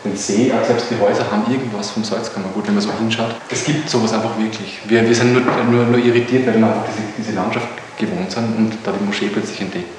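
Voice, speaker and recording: Quick man in an echoey gallery. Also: lowish voice, fairly even intonation. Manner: musing, explanatory. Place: indoor gallery. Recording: echoey hall with noise.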